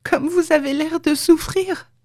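A woman voicing a soft, emotional young woman full of pity in an audiobook. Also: a little high, normal speed, dry recording, clean studio sound, voice pushed up, natural voice. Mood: anxious pity. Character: tender, tearful young woman.

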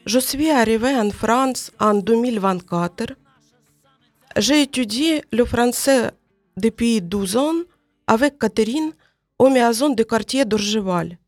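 A woman's voice: a little high, lively intonation, slow pace, dry recording, soft background music. A woman with a Ukrainian accent, a French learner reading her own text aloud carefully and earnestly.

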